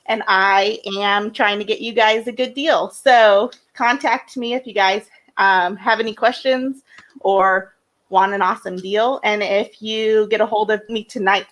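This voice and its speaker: Hesitant woman making a sales pitch. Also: fairly bright tone. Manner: hesitant, with frequent ums. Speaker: sponsor, beauty consultant.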